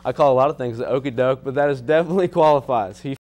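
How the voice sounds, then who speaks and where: A man's voice: mid-range voice, rapid-fire, darkish tone. A young American man presenting sports on a student newscast in a conversational, colloquial style. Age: young adult. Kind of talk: conversational sports news delivery.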